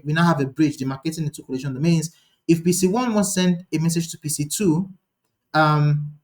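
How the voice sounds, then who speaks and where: A man teaching a live online lecture, talking quickly and thinking aloud, often restarting his sentences. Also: a little high. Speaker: instructor.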